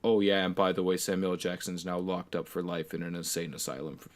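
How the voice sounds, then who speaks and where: A man's voice: low voice, level tone, fairly quick. A man co-hosting a podcast, talking in casual chat, blunt and jokey and swearing freely. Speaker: podcast co-host.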